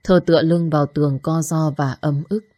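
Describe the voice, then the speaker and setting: Woman narrating a story, low calm voice, dry close mic. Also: moderate pace, no room sound.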